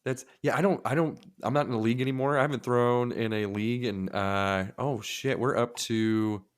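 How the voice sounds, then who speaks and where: A man's voice: medium pitch, moderate pace, clean tone. A man co-hosting a podcast, telling a long story in casual chat, swearing freely and acting out what people said. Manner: animated, profane, acts out quoted dialogue. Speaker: podcast co-host.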